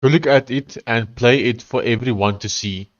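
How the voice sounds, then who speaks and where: With lo-fi sound, a man with a blocked nose and an Afrikaans South African accent talks casually at medium pitch and normal speed, working on code live for his stream.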